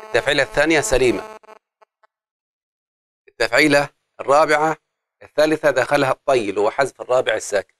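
A man's voice: medium pitch, animated, fast, long pauses, fairly bright tone. Egyptian man, patient teacher, chants meter aloud and prompts students. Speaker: Arabic grammar and prosody teacher. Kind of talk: lesson with student questions.

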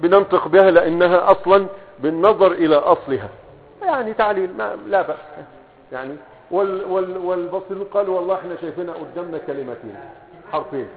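A man's voice: sits high, fast talker. A man with an Egyptian accent teaching Arabic grammar in a classroom lecture, often checking that students follow and answering his own questions. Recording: tinny phone-like audio.

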